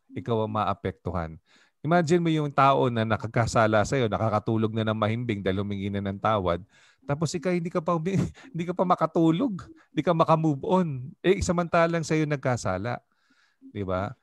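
Low-voiced chatty Filipino pastor. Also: male voice, no room sound. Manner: chatty, asks "di ba?" often, laughs easily. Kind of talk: casual devotional teaching.

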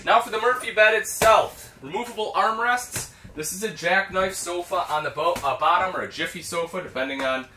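A man's voice: sits high, fairly quick, few pauses, bright, forceful tone, slight background noise. A man in his thirties giving a casual, chatty walkthrough of a travel trailer as a product specialist, recorded inside the small trailer. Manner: easygoing, chatty, lots of "you know".

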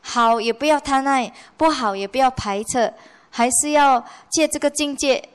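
A woman's voice: sits high, moderate pace, smooth. A Buddhist nun giving a conversational dharma lecture in a monastery hall, slipping in English words and often asking her listeners whether they follow. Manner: conversational, mixing English words, frequent rhetorical checks.

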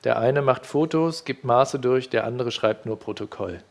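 A man's voice: mid-range voice, normal speed, gravelly. Middle-aged man, hesitant studio guest on a headset mic, lots of fillers and restarts. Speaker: reporter recounting a car fair visit. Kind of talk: studio discussion.

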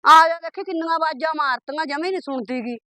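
A woman's voice: pushed and bright, no room sound. A woman with a Punjabi accent playing a nagging, scolding village mother in a family drama. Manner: scolding, complaining, quick and shrill. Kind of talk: amateur village drama acting.

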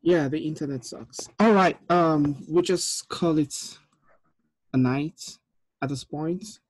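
A man in his thirties, a film director, casually hosts a group video call for a table read, using an earbud headset in a small room. His voice is a little high, slow and slightly rough, and the audio quality is poor.

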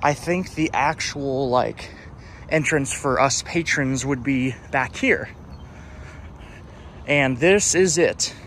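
Speaking slowly with frequent pauses, this man has a mid-range, slightly bright voice. As an urban exploration vlogger circling a building outdoors, he offers relaxed, dry, self-deprecating remarks over traffic and outdoor city sounds.

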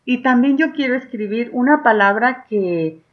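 Mexican lady teacher reading slow w little kids, kinda high voice, muffled lo-fi sound. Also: lively intonation. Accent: Mexican Spanish. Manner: patient and warm, drawing out words slowly for children to read along. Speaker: first-grade teacher. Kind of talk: slow, encouraging reading lesson to young children.

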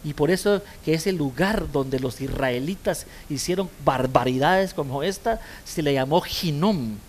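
A man preaches and tells a story from his therapy work, often stopping to ask his listeners for agreement. His voice sits somewhat high for a man. A faint rumble runs under the recording. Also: unhurried. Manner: animated storytelling, many repeats and "¿verdad?" tags. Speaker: pastor and therapist. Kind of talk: sermon with anecdote.

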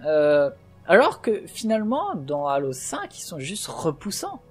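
A man's voice: a little high, wildly swooping pitch, a little slow, soft background music. Passionate man ranting about games. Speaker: let's play host. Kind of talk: casual gaming chat.

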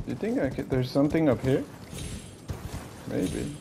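A man's voice: mid-range voice, very animated, measured pace, vocal fry, noisy background. A man giving casual, offhand commentary while playing a game, often correcting himself and muttering. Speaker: gameplay streamer.

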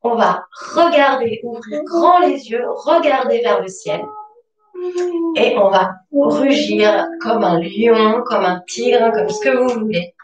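A woman yoga teacher guiding a class with slow, calm spoken cues and pauses. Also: fairly high pitch. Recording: roomy, from a distance. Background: soft music.

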